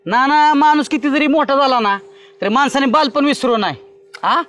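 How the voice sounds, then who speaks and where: A man in a village comedy skit, boasting and bossing kids about with excitable energy. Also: very high-pitched, normal speed. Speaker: comic lead in a village comedy.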